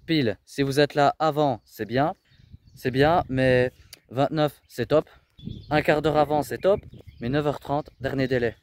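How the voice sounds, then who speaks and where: A man's voice: mid-range voice, a little slow, slight background noise. A man working as a youth educator, firm and scolding with teenagers, raising his voice when annoyed. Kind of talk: coaching young people.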